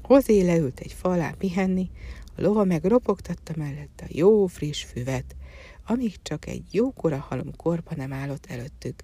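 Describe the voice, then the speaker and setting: Give me a steady, middle-pitched voice narrating a folk tale. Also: breathy edge. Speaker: storyteller.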